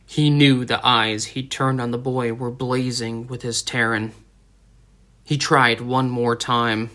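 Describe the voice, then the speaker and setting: A man reading a dramatic story aloud as an audiobook narrator, in a steady storytelling manner. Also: medium pitch, slow pace. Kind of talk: scripted narration.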